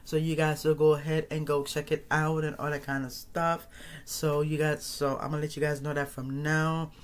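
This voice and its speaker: A man's voice: a little high, level tone, normal speed. A man in his thirties hosting his own podcast, talking casually to his audience in a rambling way, repeating phrases and restarting sentences often. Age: 30s. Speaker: podcast host. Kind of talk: casual solo monologue.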